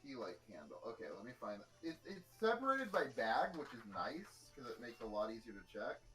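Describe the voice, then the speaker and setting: A man's voice: mid-range voice, big pitch swings, a little fast, a bit bright, soft background music, poor audio. A man on a voice chat with a friend, chatting casually and explaining things while he works.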